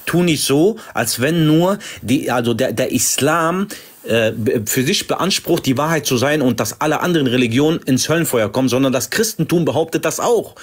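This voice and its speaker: A man defending his faith in a heated online group debate, insistent and quick to interrupt. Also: mid-range voice, lively intonation, slightly rough. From Germany.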